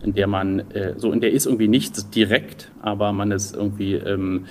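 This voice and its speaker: An entrepreneur in his thirties from Düsseldorf, in Germany's Rhineland, answers interview questions as a guest, speaking conversationally and thoughtfully while searching for words. His voice is fairly low and a little mellow, with a level tone and normal speed. There's a slight hiss or hum in the recording.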